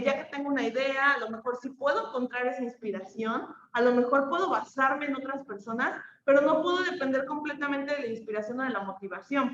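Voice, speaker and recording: A woman's voice: high voice, fairly bright tone, echoey room, highs cut off, a little hiss or hum. A woman with a Mexican Spanish accent teaching an online class in a chatty way, often checking in with her students. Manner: chatty, checks in with frequent questions.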